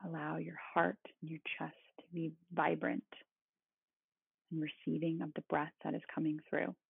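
A meditation guide speaking in a calm, meditative tone with a husky, creaky voice. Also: mid-range voice, normal speed. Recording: roomy, phone-like thin sound.

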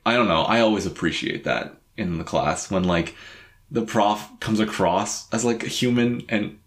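Low-voiced man joking and laughing. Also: moderate pace, fairly bright tone. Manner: laughs often, joking, many "like" fillers. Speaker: podcast co-host. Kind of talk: casual chat.

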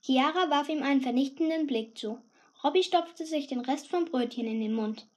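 A woman reading a first-person story aloud with a lively, cheeky teenage tone. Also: high voice, normal speed. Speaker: audiobook narrator. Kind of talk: scripted first-person narration.

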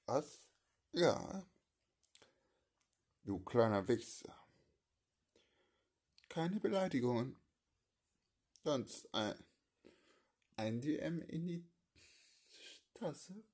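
A man telling a home-made crime audio drama and voicing all its parts, speaking slowly and haltingly with abrupt loud outbursts. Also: mid-range voice, expressive, husky.

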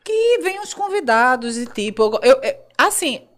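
A woman's voice: sits high, sing-song, moderate pace, a bit bright. Frank, laughing young woman podcaster. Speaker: podcast host. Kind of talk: casual chat.

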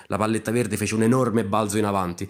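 A man narrating a comic fantasy story, with brisk, irreverent asides. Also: fairly low pitch, level tone.

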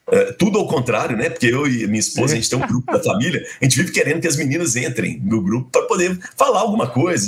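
A middle-aged man from Belo Horizonte, telling a personal story in a conversation and acting out the dialogue as he goes. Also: mid-range voice. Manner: animated, acts out quoted dialogue. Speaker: guest.

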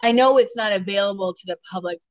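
A woman's voice: medium pitch, fast, no room sound, muffled recording. Chatty laughing woman, dry close sound. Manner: chatty, laughs often, many "you know" fillers. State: ten months postpartum. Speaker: podcast host and doctor. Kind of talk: casual podcast chat.

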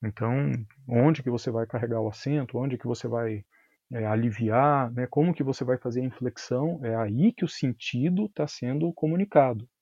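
A man with a Brazilian Portuguese accent, a violin teacher explaining ideas in a casual interview, animated and full of slang and tag questions. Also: medium pitch, normal speed, breathy edge, dry recording, lo-fi sound.

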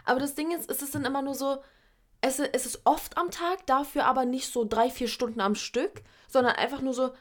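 A woman's voice: high-pitched, fairly even intonation, brisk. A young woman in casual vlog chat, rambling and defensive with many fillers. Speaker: vlogger.

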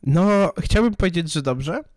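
A man's voice: sits high, expressive, measured pace, a little mellow, a little hiss or hum. A man co-hosting a podcast in casual chat, stumbling over words, with a slight lisp from a missing front tooth. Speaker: podcast co-host.

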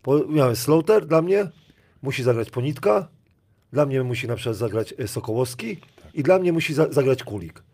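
A man's voice: mid-range voice, expressive, normal speed, creaky, a little mellow. A middle-aged man who coaches youth basketball, chatting casually about a match, rambling with restarts and fillers. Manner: rambling, restarts, laughs often. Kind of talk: casual sports chat.

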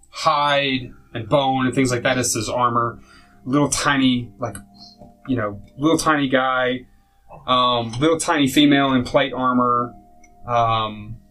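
A man's voice: medium pitch, sharp tone, poor audio. A man narrating a tabletop game as game master, casual and rambling, with many fillers and small laughs.

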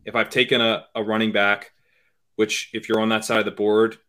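Male podcast guest, lowish voice with a bright edge, thinks aloud and hedges a lot. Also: little pitch movement, brisk. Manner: hedging, many fillers and restarts, trails off quietly. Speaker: podcast guest, fantasy football analyst. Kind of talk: casual analytical chat.

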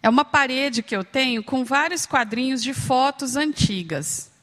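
A woman's voice: high voice, normal speed, a bit bright. A woman from Brazil giving a humorous, storytelling sermon, playfully acting out the voices of the people she quotes. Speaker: speaker at a church gathering. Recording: long hall reverb.

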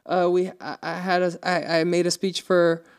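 A man's voice: high-pitched, flat delivery, moderate pace, smooth. A young man co-hosting a podcast, talking in a casual, earnest and emotional way, with lots of restarts. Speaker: podcast co-host. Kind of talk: casual chat.

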